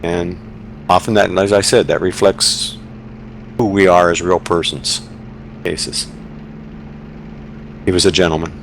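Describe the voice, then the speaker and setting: An older man giving a heartfelt, halting eulogy over game voice chat, often restarting his sentences. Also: sits low, steady tone, slight background noise. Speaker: eulogist in an online game memorial.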